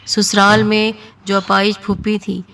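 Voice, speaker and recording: A woman storyteller narrating an emotional story in a steady, dramatic manner. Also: mid-range voice, distant mic, slight background noise.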